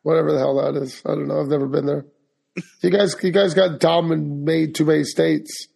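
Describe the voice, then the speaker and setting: A man's voice: on the high side, steady tone, fairly quick, vocal fry, darkish tone, husky. A man co-hosting a podcast in casual, joshing, rambling chat. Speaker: podcast co-host.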